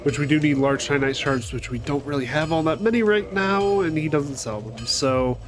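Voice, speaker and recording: This gaming channel host has a cold and speaks briskly in a voice on the high side, with faint music behind him. His let's-play commentary is casual and chatty, with occasional swearing and remarks aimed at enemies on screen.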